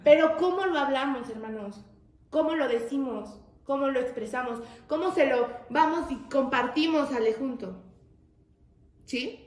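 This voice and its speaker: High-voiced woman teaching in an echoey room. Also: measured pace. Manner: addresses listeners as brothers, asks frequent rhetorical questions. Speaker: teacher of a religious study group. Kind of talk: conversational religious lesson.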